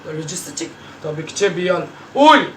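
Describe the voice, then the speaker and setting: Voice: medium pitch, sing-song, fast, natural voice. A performer playing a teasing, bossy old Egyptian grandmother who scolds her grandchildren, repeating herself in a comic family sketch. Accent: Egyptian Arabic. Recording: roomy echo, from far off, faint noise.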